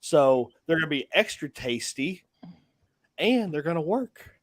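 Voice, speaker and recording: A man's voice: fairly high pitch, sing-song, unhurried, dry recording, studio quality. A man hosting a casual sports podcast, teasing his co-hosts and steering the talk. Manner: teasing, leads the segments. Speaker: podcast host.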